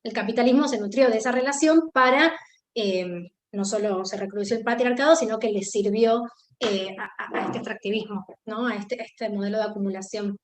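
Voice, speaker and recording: A woman's voice: medium pitch, fairly quick, reverberant. A woman with an Argentine Spanish accent giving a class lecture, thinking aloud with many fillers and restarts.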